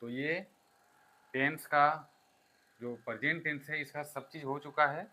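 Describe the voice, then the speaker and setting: Bright-voiced man teaching a grammar lesson. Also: on the high side, steady tone, poor audio. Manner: explains slowly step by step, dictating examples.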